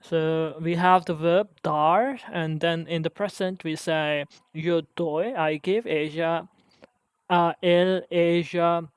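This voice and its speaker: A man practicing language conjugations aloud on his own, halting and restarting often as he works through a lesson. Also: a little high, steady tone, smooth, no room sound. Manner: halting, with frequent restarts and hesitations. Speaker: language learner. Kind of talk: self-study language practice.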